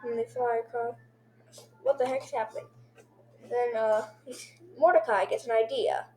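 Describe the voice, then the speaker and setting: A fairly high-voiced woman gushing through a string of episode reviews. She rambles from one point to the next and punctuates the action with little sound effects. A faint hum sits underneath. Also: fairly even intonation, moderate pace, mellow.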